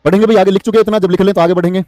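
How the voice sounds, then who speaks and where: Male exam teacher, fairly high, mellow voice, dry close sound, quizzes his class as he goes. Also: very fast, dry recording. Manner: lively, quizzing students, reading out their comments. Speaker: Hindi exam-prep teacher. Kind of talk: live online class.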